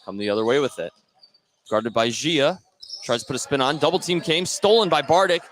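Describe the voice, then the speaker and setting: Working as play-by-play announcer at an indoor basketball game, this man gives live radio commentary in short, clipped bursts that follow the play. He speaks a little high, fairly fast, with a fairly bright tone, and the live gym's background noise is clearly audible.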